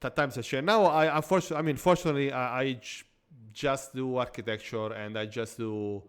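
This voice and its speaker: A man's voice: mid-range voice, brisk, clear, resonant tone. Italian-accented man hosting a casual podcast. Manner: jokey, animated, trails off into quiet asides. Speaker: podcast host. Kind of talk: casual interview chat.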